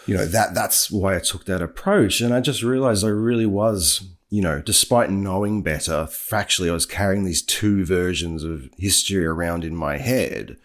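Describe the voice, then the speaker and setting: A man's voice: low-pitched, normal speed, hardly any pauses. A young man, a writer and podcast co-host, talking in an earnest, reflective way with frequent restarts. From Australia. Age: young adult. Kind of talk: casual chat.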